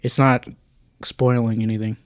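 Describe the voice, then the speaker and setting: A man's voice: mid-range voice, flat delivery, normal speed, dry recording, studio quality. A young man co-hosting a casual podcast chat, earnest and opinionated, restarting sentences as he talks. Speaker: podcast co-host.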